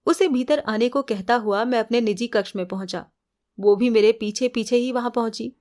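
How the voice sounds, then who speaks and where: A woman narrating a detective novel in the first person with a measured, unhurried storytelling manner. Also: fairly high pitch, darkish tone. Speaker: audiobook narrator.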